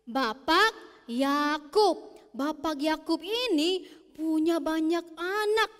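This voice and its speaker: Sunday school storyteller, woman, very high voice, long hall reverb. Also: takes it slowly. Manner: animated, addresses children directly. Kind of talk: children's storytelling.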